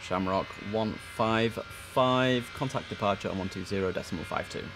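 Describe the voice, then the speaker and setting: A man with a croaky early-morning voice, chatting on a live stream while giving air traffic control calls. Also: on the low side, normal speed, music in the background. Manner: chatty, mixes slang with controller phraseology. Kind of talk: casual live-stream commentary with radio calls.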